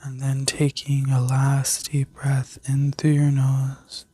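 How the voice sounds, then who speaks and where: Slow, breathy whispering woman, sleep-story ASMR narrator. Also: a bass voice, monotone, no room sound. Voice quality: breathy, mostly unvoiced whisper. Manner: soothing, slow, gently instructing. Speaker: ASMR reiki healer and video host.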